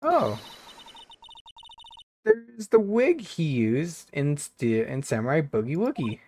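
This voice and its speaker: Man putting on a bubbly, excitable young woman. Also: fairly high pitch, slow, slight background noise, voice pushed up, heavily acted. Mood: excited. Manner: bubbly, gushing, easily thrilled.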